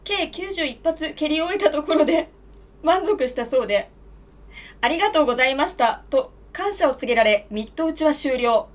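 A woman's voice: sits high, animated, moderate pace. A young woman reading scripted mock news as a newscaster in formal style. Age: young adult. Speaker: comedy newscaster.

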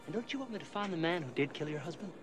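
An actor in his twenties playing an earnest, determined young gentleman lawyer, insistent, in a period film drama. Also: on the high side, expressive, racing, music in the background, natural voice. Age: 20s.

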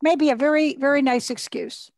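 A woman's voice: sits high, fairly even intonation, normal speed, dry recording. A woman speaking as a journalist on a discussion panel, direct and opinionated in a conversational way.

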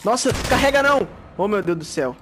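A young man with a Brazilian Portuguese accent giving slangy let's play commentary, swearing freely and shouting in alarm when startled. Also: high voice, lively intonation, a little fast, background noise. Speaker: gaming YouTuber.

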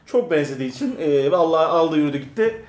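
A man's voice: fairly high pitch, lively intonation, fast talker. A man co-hosting a show, teasing his friends and laughing often in casual banter. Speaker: co-host. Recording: echoey room with faint noise.

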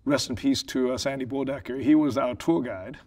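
A man's voice: medium pitch, fairly quick, a little mellow. A man in his forties from South Korea, a business owner recalling his life as a guest in an interview, talking thoughtfully with lots of "you know" and "like". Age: 40s. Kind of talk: casual interview. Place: living room set.

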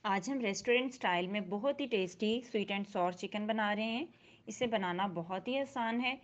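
A woman hosting a cooking channel, talking calmly through a recipe step by step in a voice-over. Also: medium pitch, moderate pace, dull audio. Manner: calm step-by-step instruction. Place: voice-over, not recorded in the pictured kitchen.

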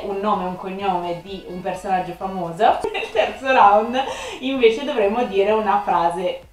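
A woman in her thirties casually presenting a challenge video in an animated manner. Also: medium pitch. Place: small room, on a sofa indoors. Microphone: camera microphone at a distance. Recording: echoey room, distant camera microphone.

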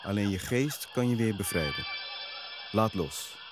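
A man voicing a wise old male guru who speaks in a calm, measured, lecturing way. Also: fairly low pitch, music in the background. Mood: stern. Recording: nature ambience with crickets and frogs.

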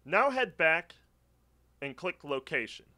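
Bright, lively male tutorial voice. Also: a little high, slow. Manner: clear step-by-step instructional. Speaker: tutorial narrator. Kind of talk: scripted screen-recording walkthrough. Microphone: voice-over.

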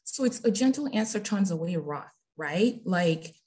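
Over a group call, a Bible study leader with a somewhat low voice teaches scripture in a relaxed, chatty way. She constantly checks in with listeners, ending phrases with a quick "right?"

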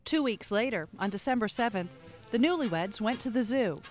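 A woman's voice: a little high, lively intonation, a little fast, faint music behind. A woman reading scripted documentary narration as a voice-over. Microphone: close studio voice-over mic.

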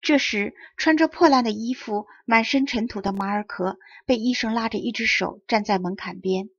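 A woman teacher narrating a children's audiobook in a steady, expressive storytelling manner. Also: fairly high pitch, moderate pace, husky, no echo. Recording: dull lo-fi audiobook recording.

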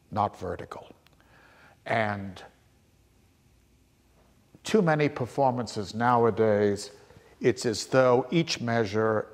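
A man giving a heartfelt personal testimonial, reminiscing about a dear friend with long pauses. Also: medium pitch, darkish tone, in a large hall.

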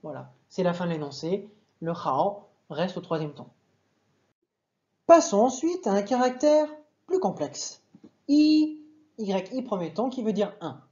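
A woman's voice: mid-range voice, very animated, unhurried, dark tone, highs cut off. A woman teaching a language lesson, patiently explaining and demonstrating sounds aloud, sometimes correcting herself mid-sentence.

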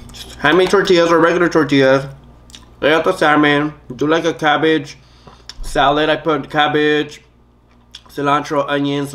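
A man hosting an eating vlog, chatting casually and telling stories with lively quoted voices between bites. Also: fairly high pitch. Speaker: mukbang host.

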